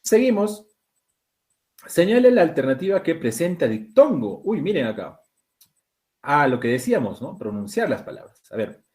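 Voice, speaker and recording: Animated Peruvian teacher with lively pitch. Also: male voice. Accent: Peruvian Spanish. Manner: animated, pitch jumps high on key words, slows to sound out words. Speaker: language teacher. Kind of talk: exam-prep class, talking students through questions.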